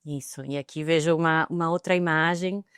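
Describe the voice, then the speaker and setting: A middle-aged tech executive, a native Spanish speaker with an Argentine accent, is an interview guest whose smooth, resonant voice sits fairly low for a woman and holds a steady tone. She answers thoughtfully, often pausing on hesitant fillers, in a close, dry recording.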